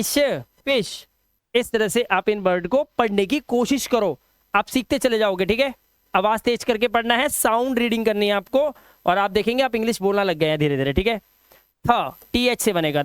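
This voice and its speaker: A man drills English sounds for his students, stretching each word out slowly and patiently. His voice is smooth and resonant, and it is recorded close and dry. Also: high-pitched, a bit bright, no room sound. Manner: drills words slowly, asks 'ठीक है?' often. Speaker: English teacher. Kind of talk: phonics lesson.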